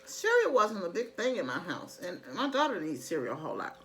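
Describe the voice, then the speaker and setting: A woman's voice: fairly low pitch, very animated, brisk, a bit bright, a little hiss or hum. A middle-aged woman in casual, rambling chat to her viewers, conversational and emphatic when she makes a point. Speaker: mukbang vlogger.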